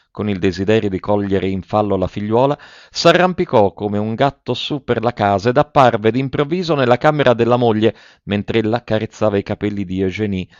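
A man reading a classic novel aloud in a measured storytelling manner. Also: on the low side, dry recording. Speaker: audiobook narrator. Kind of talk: scripted literary narration. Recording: dull dry lo-fi recording.

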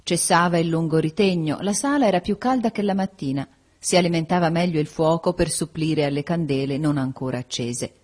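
A woman narrates a classic novel for an audiobook. Her voice sits low with a husky, breathy grain, and her telling stays measured and even throughout.

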